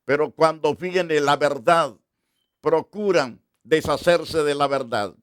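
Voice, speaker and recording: A man preaching a sermon as pastor, slow and deliberate, with emphatic repetition. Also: fairly high pitch, clean tone, no room sound, clean studio sound.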